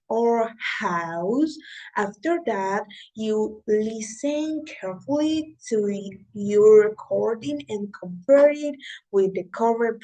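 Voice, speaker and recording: A woman's voice: medium pitch, dark tone, poor audio. A woman teaching pronunciation strategies, reassuring her learners and talking to them directly. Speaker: English teacher. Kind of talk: encouraging lesson.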